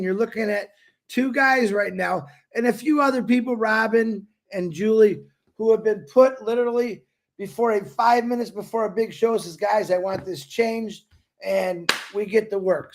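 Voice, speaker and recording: A man co-hosting a livestream and introducing a guest in casual, effusive talk, chuckling between phrases. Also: high-pitched.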